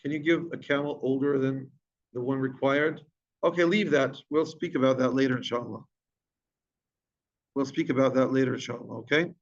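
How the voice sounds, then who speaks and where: A man teaching an online class, his audio glitching and cutting out, repeating questions in a halting way. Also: mid-range voice, fairly even intonation. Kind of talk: online lecture explaining a text. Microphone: video call. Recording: dull lo-fi online call audio.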